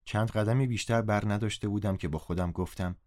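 A man narrating a story in first person, reading the dialogue aloud with a raised voice. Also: fairly low pitch. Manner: reads dialogue in a raised, louder voice.

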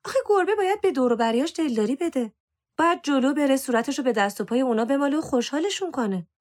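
A woman's voice: sits high, lively intonation, darkish tone, voice pushed up. A woman reading a storybook voices a moody, self-conscious teenage girl who whines and pleads. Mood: scolding. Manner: whiny, pleading with her cat.

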